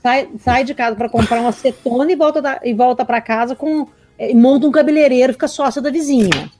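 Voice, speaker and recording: A woman's voice: high voice, fairly quick, a little mellow. A woman in casual conversation, telling stories animatedly and acting out both sides of the dialogue. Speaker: mentor sharing her experience.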